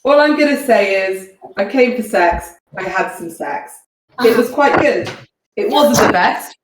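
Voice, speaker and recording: A woman playing a brash young rogue woman who shrugs off accusations in a blunt, offhand way. Her voice is mid-pitched and rings in an echoey room. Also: animated, a little slow, background noise, lightly acted.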